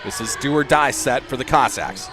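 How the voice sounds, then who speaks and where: A man doing play-by-play for a high school volleyball match, shouting over the big plays. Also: normal speed. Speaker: play-by-play commentator.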